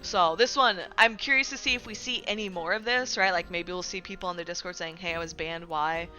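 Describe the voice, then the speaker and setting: A woman's voice: medium pitch, fairly quick, pushed and bright, faint music behind. A woman streamer talking casually to her viewers, full of fillers and often checking in with "right?". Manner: chatty, filler-heavy, keeps asking "right?". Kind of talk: casual livestream commentary.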